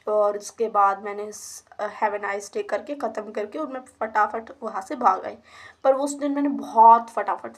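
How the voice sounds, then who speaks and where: Chatty young woman telling a story. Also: a little high. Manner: chatty, animated, quotes herself and teachers. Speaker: solo podcast host. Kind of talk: casual storytelling.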